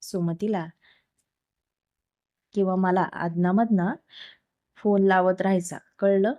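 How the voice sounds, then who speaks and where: A woman's voice: mid-range voice, steady tone, slow pace, mellow, dry recording, highs cut off, natural voice. Teasing young husband, read by a woman narrator, affectionate, dry close sound.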